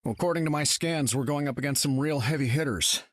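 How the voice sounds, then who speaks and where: A man's voice: on the high side, fast, dry recording, clean studio sound, close to an everyday voice. A man voicing a confident, wisecracking inventor superhero in a video game, wry and casual. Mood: breezy, confident. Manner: wry, casual, self-assured. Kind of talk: video game character acting.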